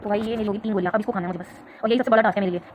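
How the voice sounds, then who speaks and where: Speaking very fast in a mid-range voice with fairly even intonation, a sick woman with a fever talks casually to her viewers from a camera placed in front of her indoors at home. It's a vlog-style chat recorded in an echoey room with dull, noisy audio.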